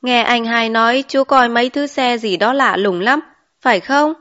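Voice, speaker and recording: A woman's voice: on the high side, normal speed, fairly bright tone, lightly acted. A woman voicing a talkative rural mother of five in an audiobook, with a chatty, exclaiming manner. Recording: dull lo-fi recording.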